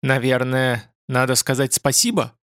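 Sex: man. Figure: gruff proud loner read by a man. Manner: blunt. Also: mid-range voice, flat delivery, measured pace, fairly bright tone, no echo, studio quality, lightly acted. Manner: blunt, curt, dismissive.

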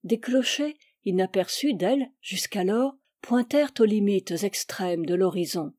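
A woman narrating a classic French short story in a measured, expressive reading. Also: medium pitch, no room sound, studio quality. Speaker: reader. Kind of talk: literary audiobook narration.

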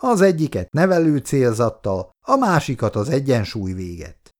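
A man's voice: medium pitch, sing-song, lightly acted. A man voicing a bossy, self-satisfied older family friend in a read-aloud story, talking in a hearty, boastful way.

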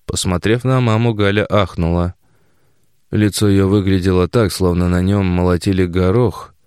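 Male audiobook narrator, very deep and dry-sounding, measured and dramatic. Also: steady tone, a little mellow, clear, resonant tone, no room sound. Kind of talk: scripted narration.

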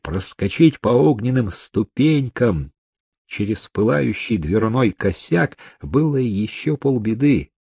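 Husky male audiobook narrator, slow and dry. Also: fairly low pitch, no room sound. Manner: acts out characters' shouts in raised voices. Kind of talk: dramatic audiobook reading.

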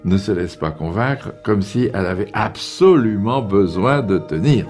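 A man's voice: on the low side, lively intonation, a little slow, music in the background. A historian interviewed for a documentary, a man explaining patiently with some fillers.

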